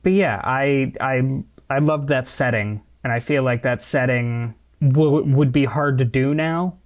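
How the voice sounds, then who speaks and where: A man co-hosting a podcast, chatting in a relaxed way and sharing trivia. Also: medium pitch, unhurried. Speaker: podcast co-host. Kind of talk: casual chat.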